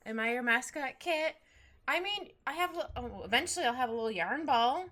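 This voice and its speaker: A woman's voice: sits high, animated, fairly quick. A young woman chatting casually with her live chat while she draws, giggly and bubbly, often trailing off and restarting. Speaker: streamer drawing live. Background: soft background music.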